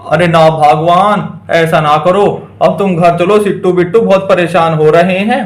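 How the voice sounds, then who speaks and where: A man's voice: high voice, steady tone, moderate pace, reverberant, lightly acted. A man voicing a nervous village father in a toy doll story, fretful and coaxing.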